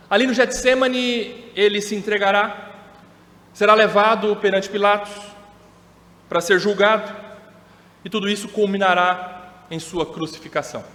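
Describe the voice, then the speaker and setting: A Brazilian man preaching a sermon as pastor, measured and emphatic, slowing down to stress quoted words. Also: high-pitched, pushed and bright. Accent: Brazilian Portuguese. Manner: measured, emphatic preaching with slow drawn-out quotations. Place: church hall. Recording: echoey church hall.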